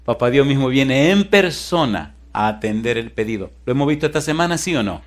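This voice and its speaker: A man preaching from the pulpit as pastor. He swings between booming questions to the congregation and soft, hushed storytelling in a church sanctuary. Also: fairly quick. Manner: animated preaching, shifts from loud calls to hushed storytelling. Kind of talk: sermon.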